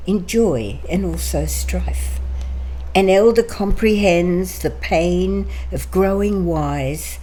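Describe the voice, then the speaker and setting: An older woman from Greece, reading her own poem in a slow, measured way and then telling her life story as a guest in her home. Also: medium pitch, dark tone, rough recording. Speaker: interview guest. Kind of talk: poetry reading and personal storytelling.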